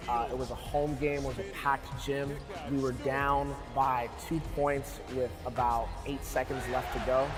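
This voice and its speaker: A man relaxes into a proud retelling, speaking as a student athlete graduate. His voice sits at a middle pitch. Loud music plays under the interview. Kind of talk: interview testimonial.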